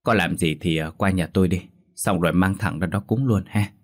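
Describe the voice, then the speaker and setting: A man's voice: sits low, fairly quick. A man voicing an outspoken, kind-hearted middle-aged village woman, scolding and exclaiming. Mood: sighing, resigned.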